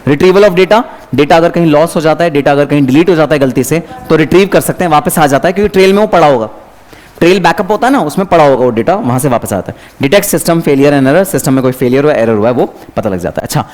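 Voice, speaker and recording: A man teaching an exam revision lecture, chatty and lively, talking straight to his students. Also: on the high side, fast. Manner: lively, chatty, addresses students by name, mixes English terms.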